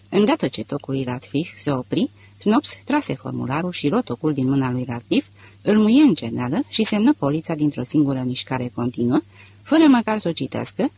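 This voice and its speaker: A man reading a literary audiobook aloud in a measured, expressive narration. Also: on the high side, creaky, slight background noise. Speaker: audiobook reader.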